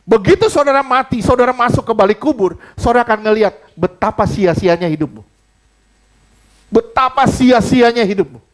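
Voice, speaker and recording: A man's voice: very high-pitched, animated, a little fast. A man preaching a sermon in church, emphatic, asking the congregation questions and mixing in casual slang. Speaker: pastor.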